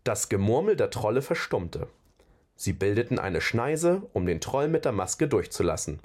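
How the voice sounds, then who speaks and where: A man with a fairly low voice reading a fantasy novel aloud. His narration is expressive, rising and falling a lot as he tells the story. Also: moderate pace. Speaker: audiobook reader.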